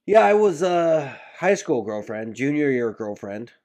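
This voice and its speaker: A man co-hosting a podcast, telling stories in an animated, joking way in a casual chat. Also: mid-range voice, measured pace. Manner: animated storytelling with laughs. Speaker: podcast co-host.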